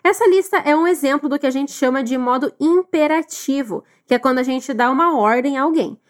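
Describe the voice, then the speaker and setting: A woman teaching English, encouraging listeners and drilling phrases slowly for them to repeat. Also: sits high. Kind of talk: recorded language lesson.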